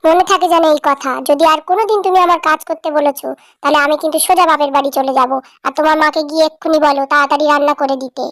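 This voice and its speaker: A woman voicing a spoiled, scolding young daughter-in-law in a cartoon drama, with a shrill, nagging and haughty manner. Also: fairly even intonation, racing, fairly bright tone, no echo, clean studio sound. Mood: indignant. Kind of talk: cartoon voice acting.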